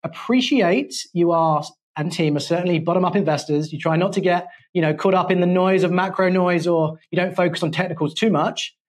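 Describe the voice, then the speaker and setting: A man's voice: high-pitched, fairly quick, few pauses. Polished London man hosting a podcast. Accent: London English. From England. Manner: polished, playful, wordy. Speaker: podcast host. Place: studio.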